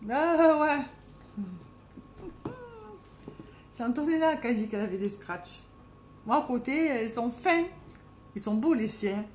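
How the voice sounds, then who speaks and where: A middle-aged woman with a Marseille accent, doing her makeup live at home and chatting casually with viewers by name, self-mocking, with a strong, deep voice. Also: expressive, moderate pace, darkish tone, a little hiss or hum. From Marseille, France. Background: dogs playing now and then.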